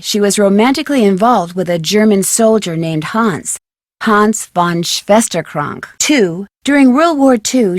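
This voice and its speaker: An actress voices a young American detective in a video game, curious and polite, asking questions clearly. Her natural voice sits at a medium pitch. The recording is studio quality with no room sound.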